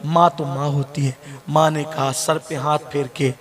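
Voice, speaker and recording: A man's voice: a little high, flat delivery, a little slow. A man delivering an emotional Islamic sermon to a gathering, repeating phrases and addressing the listeners directly. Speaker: Islamic preacher. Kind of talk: impassioned sermon.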